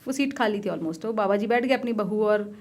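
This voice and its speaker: A woman's voice: mid-range voice, normal speed. A woman in her thirties, an army officer guest, telling stories animatedly, laughing often and mixing in English. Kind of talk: casual interview storytelling.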